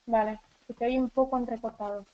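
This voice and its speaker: A woman's voice: a little high, fairly even intonation, fairly quick. A woman moderating a webinar, cutting in briefly and matter-of-factly over a lo-fi call connection. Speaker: webinar moderator relaying audience feedback. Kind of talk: brief practical interruption.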